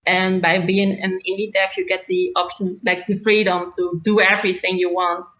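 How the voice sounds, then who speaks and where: A woman's voice: on the low side, level tone, normal speed, a bit bright, poor audio. A young woman with a Dutch accent, a game developer chatting in an interview and filling her speech with "like". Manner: chatty, many "like" fillers. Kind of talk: casual interview answers.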